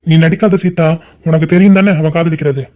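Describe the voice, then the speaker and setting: A man plays a stern middle-aged cartoon father who scolds and barks orders at his family. The voice sits fairly high yet sounds mellow and soft-edged. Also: steady tone, brisk, highs cut off, natural voice. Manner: scolding, commanding. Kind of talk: cartoon family drama voicing.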